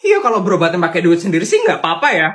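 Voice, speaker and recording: A man voicing a contemptuous, greedy wife who mocks her sick husband, shrill and fast. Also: huge pitch swings, a bit bright, heavily acted. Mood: scornful. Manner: scornful, shrill and fast when angry.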